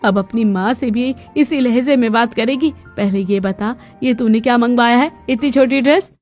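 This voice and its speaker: A woman voicing an arrogant, rich middle-aged mother in a cartoon story, sharp and scornful. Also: a little high, moderate pace, soft background music, natural voice. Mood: scolding.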